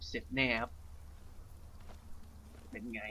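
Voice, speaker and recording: A man giving casual, playful let's-play commentary, chatting and reacting excitably while he plays. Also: takes it slowly. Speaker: gaming channel host.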